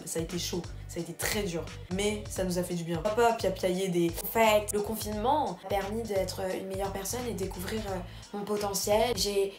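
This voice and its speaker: A young woman talking straight to her viewers in a casual, slangy vlog monologue. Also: medium pitch. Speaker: vlogger. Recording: echoey room with music behind.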